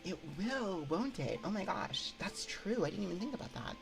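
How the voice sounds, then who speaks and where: Her mid-range voice is sing-song with vocal fry and a moderate pace. Into a binaural 3Dio ASMR mic, with music in the background, she chats with livestream viewers in a hesitant, rambling, giggly way.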